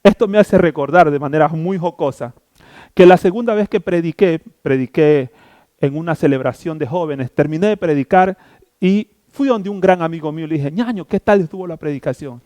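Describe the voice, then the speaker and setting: A man's voice: a little high, moderate pace, dry recording. A middle-aged man with an Ecuadorian accent, preaching a sermon as pastor and acting out stories with animation. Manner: animated storytelling, acting out scenes.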